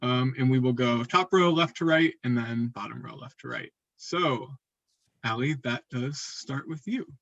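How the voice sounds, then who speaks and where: A man with a gravelly, creaky voice opens a live online game for its players, cheerful and full of ums. The sound is dry and dull, the lo-fi tone of video-call audio. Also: medium pitch, animated, a little slow, fairly bright tone, no echo. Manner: upbeat, filler-heavy hosting. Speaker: host of an online social strategy game.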